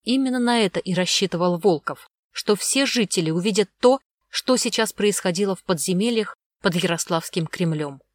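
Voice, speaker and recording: A woman narrating an audiobook story in an even, measured reading. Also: medium pitch, dry recording. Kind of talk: scripted narration.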